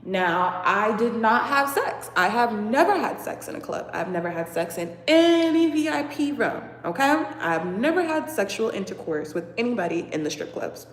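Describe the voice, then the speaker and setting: A young woman from Boston telling a casual storytime, chatty and animated with lots of fillers. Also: fairly high pitch, normal speed, hardly any pauses, reverberant, big-room sound. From Boston, USA. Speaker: vlogger.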